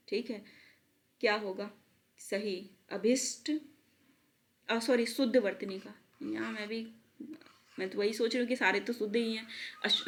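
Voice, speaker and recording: A woman teacher giving an online spelling lesson for exam students, repeating words slowly and mixing in English terms. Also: medium pitch. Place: at a laptop.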